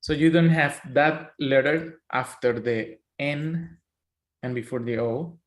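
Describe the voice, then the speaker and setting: Slow, patient Colombian man teaching. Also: fairly high pitch, echoey room. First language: Spanish. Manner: patient, checks in often with "okay?". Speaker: Spanish teacher. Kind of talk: online language lesson.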